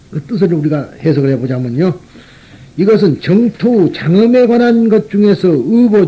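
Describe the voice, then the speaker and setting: A man's voice: fairly high pitch, mellow, breathy edge, rough recording. A Buddhist monk from the region, preaching in a conversational way and often tossing rhetorical questions at his listeners. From Gyeongsang region, Korea. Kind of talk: sermon.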